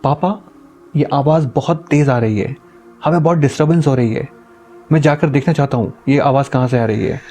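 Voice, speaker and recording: A restless young son presses his father for answers, hurried and insistent. A man plays him as the narrator. The voice is mellow and warm. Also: medium pitch, faint music behind, lightly acted.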